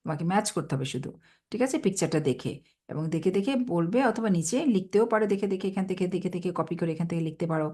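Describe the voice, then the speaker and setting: A woman teaching children English phonics in a patient manner, saying each model word twice and louder than her talk. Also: lowish voice.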